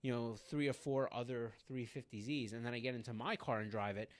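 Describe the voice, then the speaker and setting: A man's voice: medium pitch, fairly even intonation, brisk. A man co-hosting a car podcast in casual chat, rambling with many fillers and restarts. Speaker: podcast co-host.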